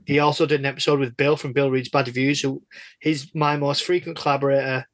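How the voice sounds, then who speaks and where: Interviewing a guest on a podcast he's filling in to host, a man rambles casually, cracking jokes and poking fun at himself. He talks quickly in a mid-range, level voice that's a touch bright.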